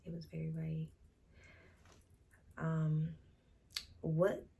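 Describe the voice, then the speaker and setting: Low, gravelly teenage girl vlogger. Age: teens. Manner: relaxed, drawn-out, matter-of-fact. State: out of breath. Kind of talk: casual Q&A vlog.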